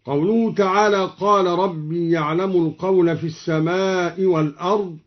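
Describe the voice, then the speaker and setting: A man teaching Quran reading variants in a measured, deliberate way, switching between plain explanation and chanted verses, from an old radio recording. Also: high voice, fairly even intonation, muffled recording.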